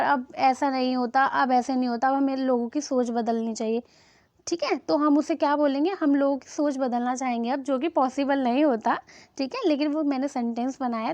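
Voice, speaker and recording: A woman teaching English grammar to Hindi speakers, checking in with "okay?" after each point and reading example sentences slowly. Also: high voice, darkish tone, no room sound. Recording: slightly dull, lo-fi sound.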